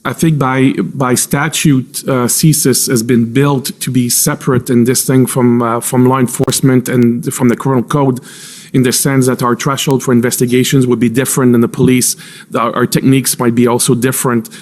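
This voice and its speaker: A man answers cross-examination in a flat, mid-pitched voice. He is a formal, careful witness for a government agency, halting often and repeating words as he works toward precise phrasing. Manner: careful, halting, hedged with frequent pauses and repeats. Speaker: intelligence agency official testifying as witness. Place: formal public inquiry hearing.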